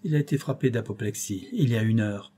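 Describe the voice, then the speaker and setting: A man voicing a shaken colonel who speaks in a low, sombre way. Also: brisk, mellow, breathy edge.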